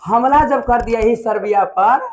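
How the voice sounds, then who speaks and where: A man teaches history to a class in a lively way, repeatedly quizzing students with call-and-response questions and having them answer back. His voice is very high, at a normal speed.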